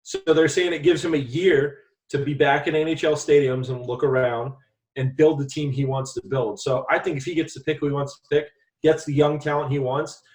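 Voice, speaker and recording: A man's voice: on the high side, fairly even intonation, a little fast, darkish tone, far from the mic. A young man co-hosting a sports podcast who argues his opinions in a casual, straightforward way. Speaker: podcast co-host.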